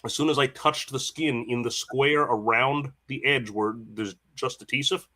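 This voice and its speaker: A man's voice: mid-range voice, fairly even intonation, normal speed, sharp tone. A man co-hosting a casual chat, rambling through a story while fighting a summer cold. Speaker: co-host.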